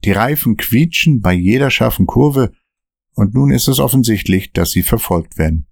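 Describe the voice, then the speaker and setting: A man narrating a scripted story podcast in a steady, measured way. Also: mid-range voice, gravelly, dry recording, clean studio sound.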